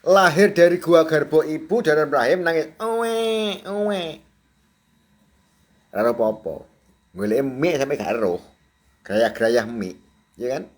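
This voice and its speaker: A man preaching a sermon, chatty and quick to laugh, often checking in with his audience and acting out the cries and prayers of a newborn. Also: mid-range voice, animated. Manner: acts out a newborn's crying and prayers. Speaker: Sufi preacher.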